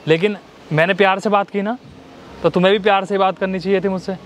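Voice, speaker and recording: A man's voice: sits high, fairly even intonation, fast talker, slight background noise. A young man staging a street prank, arguing with a woman and then coaxing her into a ride. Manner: argumentative, pleading then coaxing. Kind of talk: staged street prank argument.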